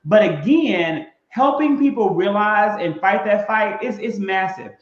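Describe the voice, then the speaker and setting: A man's voice: sits high, unhurried. A man from Mississippi, co-hosting a casual discussion in an emphatic, preacherly cadence. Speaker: podcast co-host. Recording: roomy, dull lo-fi sound.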